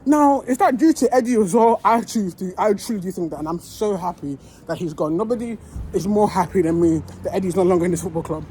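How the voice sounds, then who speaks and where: A woman's voice: mid-range voice, quick pace, mellow, slight background noise. A woman, a football fan giving a heated, swearing reaction rant that keeps circling back on itself. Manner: heated, swearing, repeats herself.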